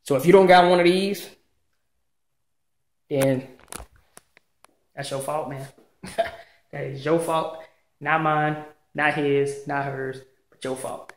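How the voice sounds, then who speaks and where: A man's voice: on the high side, fairly even intonation, takes it slowly, long pauses, slight background noise. Hyped man in an echoey garage. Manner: hyped, boastful, slangy. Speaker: fitness vlogger. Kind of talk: casual home-gym tour vlog. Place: bare home garage. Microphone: handheld phone camera.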